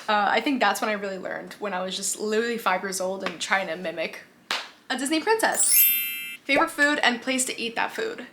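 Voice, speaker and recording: This American vlogger in her twenties answers questions straight to her camera, cheerful and quick to laugh, with plenty of "like"s. She pitches her voice a little high, and it comes out pushed and bright on the camera mic.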